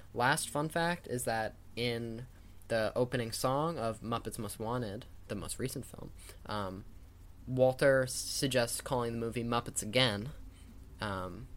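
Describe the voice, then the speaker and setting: A man's voice: medium pitch, slight background noise. A man hosting a podcast with casual film commentary, wry and opinionated. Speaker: podcast host.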